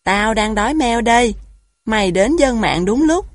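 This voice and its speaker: A woman voicing a hungry, greedy male jackal in a storybook, with a husky voice. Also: on the high side, lively intonation, normal speed, dry recording, clean studio sound. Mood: gloating.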